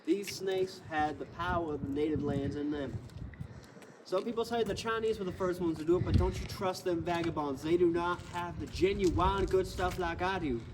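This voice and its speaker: A man playing a pompous, scaremongering Old West snake oil salesman, giving a theatrical pitch to a tour group outdoors. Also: moderate pace, natural voice. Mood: boastful. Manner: grandiose huckster patter. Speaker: ghost tour street performer. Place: outdoors on a street. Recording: noisy outdoor street, distant microphone.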